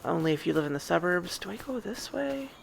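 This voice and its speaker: Woman with a heavy gravelly fry. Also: fairly low pitch, very animated, brisk, slight background noise. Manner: chatty, rambling, wondering aloud. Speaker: roleplay gamer. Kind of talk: in-character roleplay narration over gameplay.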